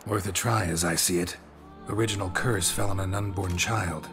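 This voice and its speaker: An actor playing a stoic, blunt monster hunter in a fantasy game, speaking in terse, clipped phrases. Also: male voice, low-pitched, fairly even intonation, moderate pace, music in the background. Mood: matter-of-fact. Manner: terse, clipped, matter-of-fact. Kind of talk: understated fantasy game acting.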